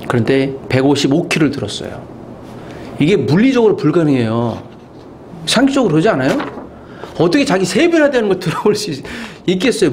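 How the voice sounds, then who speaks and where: A man's voice: a little high, slight background noise. A man preaching a sermon as a pastor in a university chapel, delivering it with rhetorical questions and sudden leaps in emphasis.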